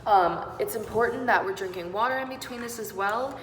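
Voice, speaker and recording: A woman's voice: mid-range voice, a little fast, a bit bright. Upbeat woman teaching in an echoey room. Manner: upbeat, encouraging, demonstrates sounds step by step. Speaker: singing teacher. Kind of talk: online beatboxing lesson. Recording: roomy echo with long reverb and faint noise.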